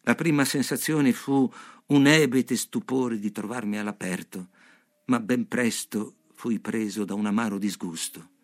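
A man reading a novel aloud on the radio in an expressive, dramatic manner. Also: mid-range voice, measured pace. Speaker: audiobook reader.

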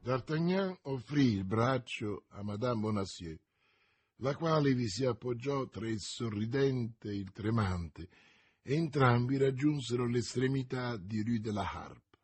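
Slow, husky male audiobook narrator. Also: mid-range voice, lively intonation. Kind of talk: audiobook reading.

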